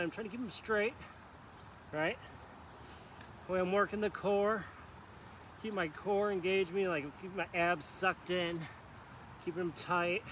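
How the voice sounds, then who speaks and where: Here the man's voice sits high and a touch bright, with slight background noise. He's an upbeat fitness instructor coaching a live outdoor park session, performing the moves as he goes and making fun of his own slip-ups.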